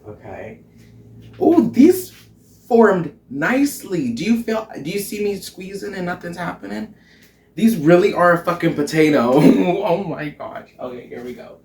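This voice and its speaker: A young man in drag hosts a casual cooking vlog in his home kitchen, bubbly and giggly, swearing often as he tastes his food and putting on a mock Irish lilt. His high, expressive voice has a darkish tone and a measured pace. The camera mic sits a few feet away, so he sounds off-mic with roomy kitchen echo.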